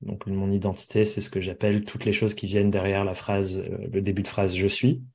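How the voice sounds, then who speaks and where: English-accented man, low voice, thoughtful guest, explains things calmly. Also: brisk, creaky, slightly rough. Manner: reflective, explanatory. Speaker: podcast guest. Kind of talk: casual interview conversation.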